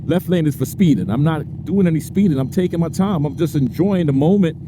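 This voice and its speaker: Riding his motorcycle through outdoor traffic, this vlogger talks casually to viewers in an animated voice that's on the high side and fairly quick. He laughs a lot and draws out his stressed words, while faint wind and traffic noise carry in the background.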